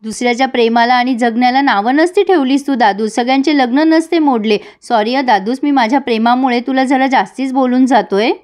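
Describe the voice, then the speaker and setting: A woman's voice: sits high, a little mellow, lightly acted. A woman voicing an idealistic young man reproaching his older brother in a heartfelt way.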